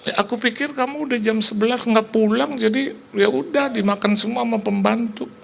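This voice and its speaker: A man's voice: extremely high pitch, fairly quick, gravelly, voice pushed up, heavily acted. A man voicing a tired, tearful wife who pleads and whines in her own defense. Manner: whiny, pleading.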